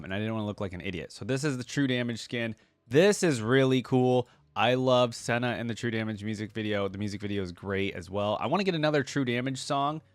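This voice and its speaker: A host of off-the-cuff reaction videos talks informally and eagerly, working through his thoughts aloud. His voice sits on the low side, with no echo in the recording.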